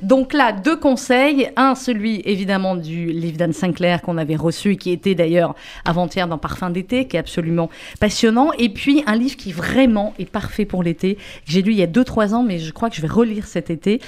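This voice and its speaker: A woman's voice: medium pitch, moderate pace. Chatty woman giving a book tip. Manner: lively, talkative, animated storytelling. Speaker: radio columnist. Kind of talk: chatty book recommendation on radio.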